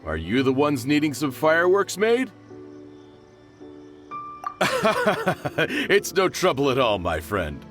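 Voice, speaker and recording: A man's voice: fairly high pitch, wildly swooping pitch, slow pace, long pauses, a bit bright, exaggerated voice. A man playing a genial middle-aged shopkeeper in a video game, hearty, obliging and familiar in manner. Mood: friendly. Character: genial middle-aged male shopkeeper and father, good-natured and generous. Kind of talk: English video game dub acting. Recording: clear music under the voice.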